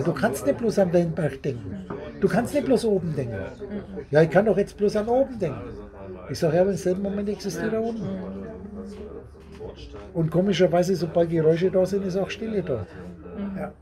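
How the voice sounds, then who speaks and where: A man's voice: high voice, expressive, brisk, pauses often, a crowd in the background. Guy rambling on to a little group, repeats himself, laughs a lot, people chatting behind. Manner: repetitive, circling, often laughing. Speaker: speaker at a group meeting. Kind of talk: rambling spiritual talk to a small group. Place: indoor meeting room with a small group.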